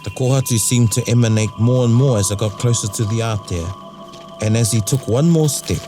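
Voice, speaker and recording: A man with a New Zealand accent narrating a scripted story in a deliberate, dramatic way. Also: medium pitch. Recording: narration over loud music.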